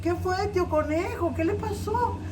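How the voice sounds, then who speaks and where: Costa rican woman voicing a huge bossy whale lady, shrill and scolding, way up high. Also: normal speed. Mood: kindly. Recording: distant mic with faint noise.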